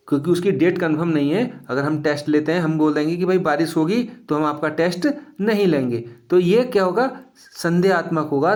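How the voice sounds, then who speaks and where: A man's voice: a little high, a little mellow. Man teaching a grammar lesson. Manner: explains step by step, often asks questions back.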